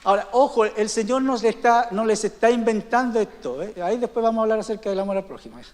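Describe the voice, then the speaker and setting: A man's voice: high-pitched, fast talker, long reverb tail. A man preaching a sermon as pastor, talking conversationally and often checking in with the congregation. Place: church hall.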